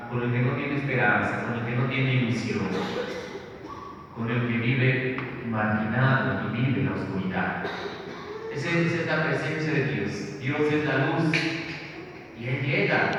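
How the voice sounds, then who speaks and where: Priest giving a sermon, slow and deliberate, way back in a big echoey church, kinda muffled. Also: male voice, mid-range voice, background noise. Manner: addresses listeners as "children", keeps asking "right?". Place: large echoing church. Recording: dull, very echoey church from far off.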